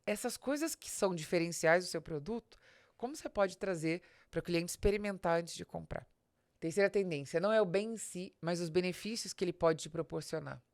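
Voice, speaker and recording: A Brazilian woman, a podcast host and business advisor, presents a business show in a didactic, direct way, stressing key words and putting questions to the listener. Her voice is fairly low, brisk and a little mellow. The sound is dry, with very little room and no echo.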